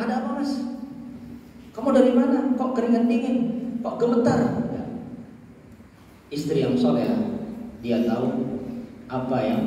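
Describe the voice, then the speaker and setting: A man gives a dawn religious study, telling the story in a high, mellow voice and jumping into short acted-out dialogues. He stands far from the microphone in a large room, and his voice carries a heavy hall echo with faint background noise. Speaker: school director giving a dawn religious study. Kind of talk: Islamic study sermon. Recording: echoey hall, far from the mic.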